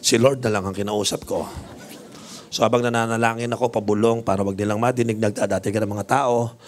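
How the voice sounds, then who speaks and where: A man's voice: on the low side, fairly even intonation, a little fast, slight background noise. Male bishop preaching, jokey storyteller, mixes in english words. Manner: humorous, mixes English phrases into his preaching. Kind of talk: sermon with storytelling.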